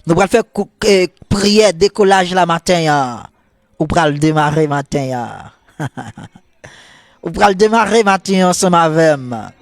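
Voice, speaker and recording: Fervent Haitian Creole-accented priest preaching. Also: male voice, a little high, animated, takes it slowly, vocal fry, no echo. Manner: fervent, repetitive call-and-response cadence; soft murmured prayer. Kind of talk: morning prayer sermon.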